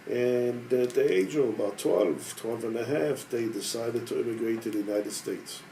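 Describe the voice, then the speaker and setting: A man in his sixties from Israel, an organization head telling his personal story in a measured, hesitant way with frequent pauses. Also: mid-range voice, creaky, warm tone, slight background noise, low-quality recording. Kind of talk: personal testimony.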